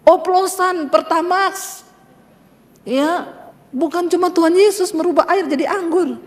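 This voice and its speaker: A woman pastor preaching a sermon, telling stories with lively acted-out quotes and jokes for the congregation. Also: very high voice, normal speed, big-room sound. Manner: animated storytelling, acts out quoted voices, jokes with the congregation. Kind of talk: sermon with storytelling.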